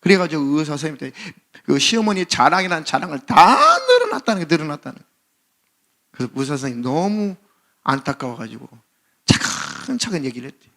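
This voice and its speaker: A man's voice: a little high, huge pitch swings, fairly quick, gravelly, pushed and bright. A man preaching as senior pastor, telling a story animatedly and acting out its characters. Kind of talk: sermon.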